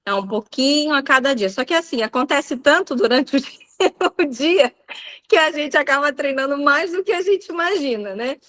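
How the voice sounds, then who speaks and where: A woman's voice: sits high, expressive, moderate pace, fairly bright tone. A woman in her thirties with a Brazilian Portuguese accent, giving a live talk on parenting in a chatty storytelling way. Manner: conversational storytelling with many fillers. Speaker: parenting speaker. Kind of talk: live talk on child behavior.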